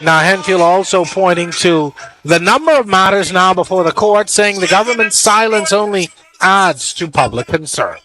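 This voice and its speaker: A man with a Bahamian accent anchoring a live evening newscast in a brisk, formal way. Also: high voice, lively intonation, low-quality recording. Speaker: news anchor.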